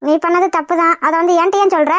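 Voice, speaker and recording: A woman's voice: extremely high pitch, fairly even intonation, fast, a bit bright, no echo, studio quality. A woman voicing a hurt, stubborn young pregnant wife in a cartoon, sulky and defiant. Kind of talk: cartoon voice acting.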